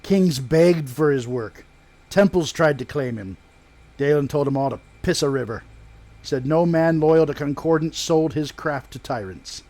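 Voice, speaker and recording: A man's voice: fairly high pitch, a little slow, a little mellow, natural voice. Male player as proud village smith for fantasy tabletop game; rustic speech, spins family legends like gossip. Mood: reverent, proud. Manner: rustic dialect, storytelling like sharing gossip. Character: proud, folksy male blacksmith recounting family lore. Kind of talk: in-character tabletop role-play storytelling.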